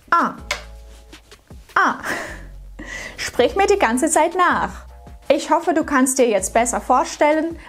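A woman teaching pronunciation, speaking clearly and deliberately and modeling words for the listener to repeat. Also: a little high. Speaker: German pronunciation coach. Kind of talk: scripted pronunciation lesson. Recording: soft music behind.

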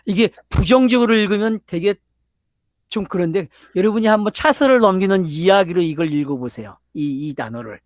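An older man, a pastor, gives a Bible lecture in sermon form, questioning the audience nonstop and stressing his points forcefully. He talks briskly in a high-pitched, expressive voice, with studio-quality audio and no echo.

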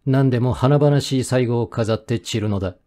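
A man narrates a first-person mystery audiobook at a steady, measured pace. His tone is warm and dark at a normal middle pitch. The calm, even reading suits late-night listening.

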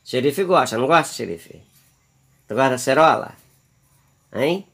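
A man from Brazil with a gravelly, husky voice. He chats on a handheld phone video, coaxing his pets in a sing-song way and turning aside now and then to his viewers. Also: medium pitch, lively intonation, a little slow, a bit bright. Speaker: vlogger. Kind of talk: casual home video chat.

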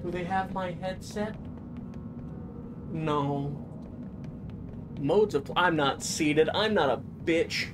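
A man giving let's-play commentary in excitable, jokey running reactions as he plays. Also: on the high side, takes it slowly, long pauses. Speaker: gaming video creator. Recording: game music playing underneath.

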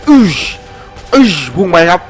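A man giving excited let's-play commentary over a game, animated and playful, with frequent shouted exclamations and crude slang. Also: moderate pace. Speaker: gameplay commentator. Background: faint game music.

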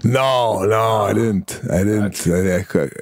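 Speaking slowly in a lowish voice, this middle-aged male comedian spins casual stories as a podcast co-host. He's animated, repeats words, acts out what people said and keeps calling folks "bro." It's a handheld mic in a small studio with no echo.

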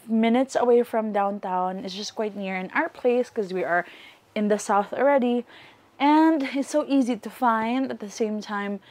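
A woman in her thirties with a Filipino accent, chatting casually to camera in a travel vlog, gesturing as she talks, from an open farmhouse room with a clip-on mic. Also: a little high. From Philippines. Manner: chatty, mixes English and Tagalog phrases, animated hand gestures. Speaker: travel vlogger. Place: open-walled farmhouse room with mountain view. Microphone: small clip-on mic.

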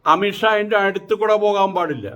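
A man's voice: high-pitched, a little fast, bright, forceful tone. A middle-aged man, giving a mocking political monologue and firing off rhetorical questions again and again. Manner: mocking, rhetorical, repeats his taunting questions. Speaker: political commentator.

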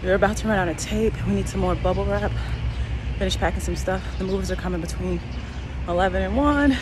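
A woman's voice: mid-range voice, fast talker, background noise. A woman in her thirties vlogging casually while walking down a city street, talking into a phone held at arm's length, thinking aloud with ums. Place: city sidewalk outdoors.

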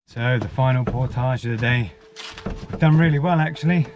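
A man's voice: medium pitch, moderate pace, muffled recording, a little hiss or hum. A man in his forties, vlogging casually and reflectively from a canoe on a lake, chuckling now and then. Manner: relaxed, reflective, chuckles often. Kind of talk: casual outdoor vlog narration. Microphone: action camera on the boat.

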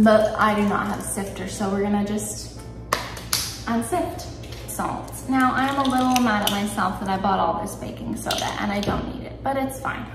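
A slightly high-voiced woman in her twenties, a lifestyle vlogger, chats casually and pokes fun at herself while baking in her home kitchen. A camera on the counter a few feet away picks her up, giving roomy, distant kitchen sound with background noise and music behind her as she talks while cooking.

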